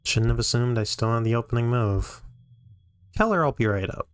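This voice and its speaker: A man's voice: medium pitch, expressive, normal speed, clear, resonant tone, no echo, natural voice. A man voicing a sardonic, guarded male investigator in a fandub, speaking drily. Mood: dry. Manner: dry, sardonic. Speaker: stream host reading the lead.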